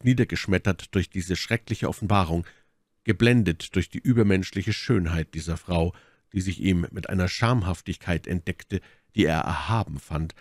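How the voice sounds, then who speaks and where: A man reading a classic novel aloud as audiobook narration, in an expressive, theatrical manner. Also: deep voice, no room sound, studio quality. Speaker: audiobook reader.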